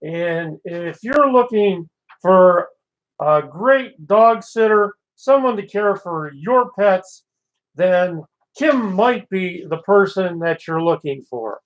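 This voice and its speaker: A man's voice: high-pitched, animated, slow pace, highs cut off. A man hosting a casual local radio show, reading weather, listener ads and birthday notes in an easygoing way.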